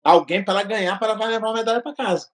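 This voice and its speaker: A man's voice: high voice, very fast. Emphatic Brazilian man telling stories. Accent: Brazilian Portuguese. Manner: storytelling, emphatic, acts out dialogue. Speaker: gym owner and martial arts coach. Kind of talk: casual podcast chat.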